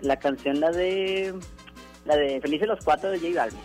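A man's voice: a little high, normal speed, darkish tone, soft background music. A man calling in to a radio show over the phone, talking in a casual, slangy, easygoing way. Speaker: radio caller. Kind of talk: casual call-in chat.

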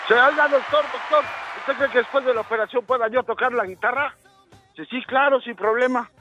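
A man's voice: very high voice, fairly quick, sharp tone, muffled recording, soft background music. A Mexican man comedian firing off crude one-liners in a stand-up joke battle on a radio broadcast.

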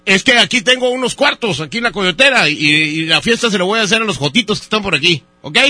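A man's voice: high-pitched, animated, fast, bright, forceful tone, no echo. A man who hosts a radio show, making a prank phone call and playing a hesitant customer, full of fillers and teasing jokes. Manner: teasing and joking. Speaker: radio host.

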